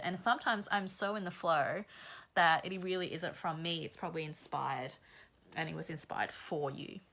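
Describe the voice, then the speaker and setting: A woman talks to her live stream viewers as a creative coach, her voice slightly hoarse from a recent flu and sitting a little low. She speaks with energy and bluntness, pushing her audience to show up and do the work, yet keeps it encouraging. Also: a bit bright.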